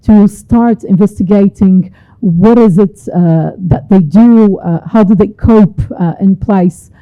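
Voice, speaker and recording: A woman researcher asking a polite, measured question from the audience at a panel. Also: medium pitch, dry recording, phone-quality sound.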